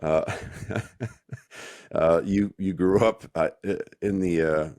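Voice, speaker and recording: A man's voice: deep voice, fairly even intonation, takes it slowly, a little mellow, no room sound, clean studio sound. A male podcast host interviewing a guest, friendly and hesitant, with many fillers. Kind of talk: interview conversation.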